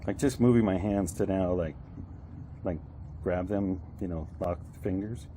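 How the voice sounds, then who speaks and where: A man shivering from cold, talking casually in short, halting phrases broken by sighs. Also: sits low, noisy background. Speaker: ice bath participant. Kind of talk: casual talk during an ice bath.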